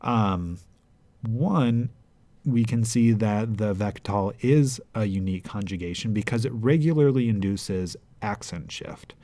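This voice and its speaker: Slow, mellow-voiced man teaching grammar. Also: fairly low pitch, no echo. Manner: patient, deliberate, chanting Hebrew verses slowly. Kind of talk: explanatory lecture.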